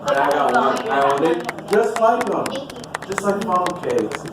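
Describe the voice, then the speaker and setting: A male stand-up comedian rambling through a self-deprecating set, sweating heavily, with bursts of shouted high voices. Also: expressive, unhurried, recorded from a distance, background noise. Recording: echoey venue mic heard from afar with crowd. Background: audience.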